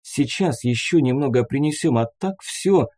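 A man's voice: mid-range voice, lively intonation, moderate pace, dark tone, voice pushed up, close to an everyday voice. A male audiobook reader voicing an anxious young woman who helps a field doctor. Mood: worried. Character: worried young woman medic helper.

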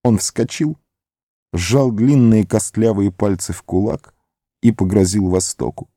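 A man narrating an audiobook in an expressive storytelling manner. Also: fairly low pitch, unhurried, no room sound, studio quality. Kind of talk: scripted narration.

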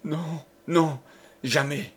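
A man's voice: on the high side, fairly even intonation, drawn-out words, a bit bright, pitched above the performer's own voice, heavily acted. A man voicing a young noblewoman who stammers and sobs her desperate pleas. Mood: desperate pleading.

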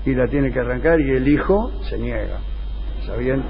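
On a dull, noisy radio recording, an Argentine host with a Rioplatense accent delivers absurd tales in a deadpan, mock-serious style, improvising the dialogue for his comedy show. His voice is gravelly, medium-pitched and animated, at a moderate pace.

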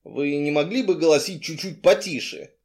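A brisk, businesslike bodyguard, as a male reader voices him, speaking calmly and briefly. The voice stays near the reader's own. It is heard in a crime audiobook. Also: on the high side, natural voice. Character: calm, hurried male bodyguard professional.

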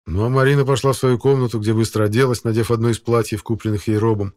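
A man narrating an audiobook in a steady, even storytelling manner. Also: mid-range voice, fast talker. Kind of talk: scripted narration.

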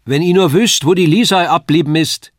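Guy doing a soft-hearted puppeteer dad calling out, raised voice. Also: fairly high pitch, drawn-out words, dry recording, clean studio sound, pitched above the performer's own voice. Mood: placating. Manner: calling across a room, placating. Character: gentle, soothing puppeteer husband.

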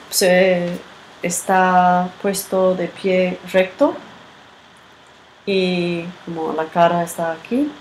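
A woman giving a reflective teaching talk with a personal story. She speaks in a halting, unhurried way and often ends with a questioning tag. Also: lowish voice, low-quality recording. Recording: background noise.

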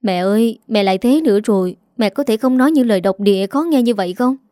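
A woman voicing a young office-worker daughter, soft and pleading with her mother. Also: a little high, expressive, fast talker, no echo, clean studio sound, close to an everyday voice.

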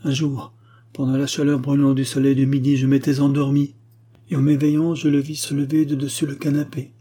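A man's voice: medium pitch, completely flat delivery, brisk, mellow, husky, pitched above the performer's own voice, lightly acted. A man voicing an anguished young noblewoman in an audiobook reading, with pleading, breathless questions.

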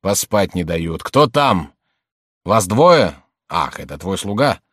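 A man voicing a grumpy old male fortune-teller in an audiobook, speaking gruffly and curtly. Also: deep voice, big pitch swings, slow pace, fairly bright tone, no room sound, clean studio sound, full character voice. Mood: grumbling. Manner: gruff, curt, grumbling. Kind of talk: audiobook character reading.

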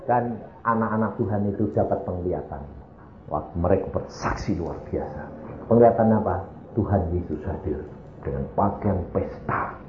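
An older male pastor preaching a sermon, telling a story with loud high exclamations and hushed low asides. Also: expressive, moderate pace, faint music behind. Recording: echoey, tinny phone-like recording.

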